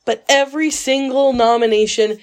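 A woman's voice: sits high, steady tone, normal speed. A woman talking earnestly with friends on a casual book club podcast. She presses her points, circling back with fillers and restarts. The sound comes off a phone recording. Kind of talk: casual chat.

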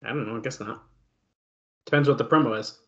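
A man's voice: mid-range voice, quick pace, pushed and bright. A man co-hosting a podcast, chatting and commenting on a wrestling match in a casual, conversational way. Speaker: podcast co-host watching wrestling. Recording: dull lo-fi sound.

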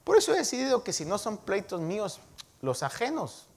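An older man, a pastor, preaching a sermon with lively emphasis and acted-out quotes. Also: high voice, brisk, vocal fry. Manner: lively preaching, acting out quoted dialogue, rising to emphatic peaks.

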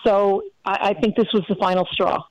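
A woman's voice: medium pitch, fairly even intonation, moderate pace, poor audio. A middle-aged woman hosting a radio talk show, speaking bluntly in a rambling way with lots of fillers. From United States. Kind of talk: casual opinion chat.

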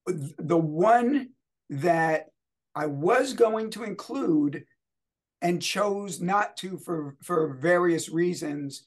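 A middle-aged man with a New York accent hosts a quiz segment in casual podcast chat, talking in a deliberate, discursive way. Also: high voice, animated.

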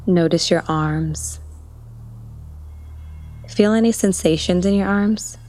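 A woman leading a guided body-relaxation meditation, speaking in soft, soothing instructions with long pauses. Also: on the low side, soft background music.

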